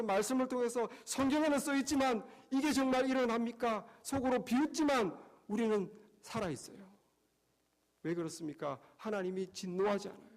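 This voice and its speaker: A pastor preaching a sermon in church, emphatic and repetitive, often asking rhetorical questions. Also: male voice, extremely high pitch.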